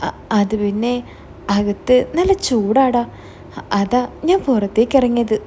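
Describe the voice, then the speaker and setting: A flustered middle-aged mother, played by a woman storyteller fumbles for excuses and hurries her words out. Her voice sits a little high but mellow and warm-toned, with faint background noise. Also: lively intonation, a little slow. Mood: flustered evasive.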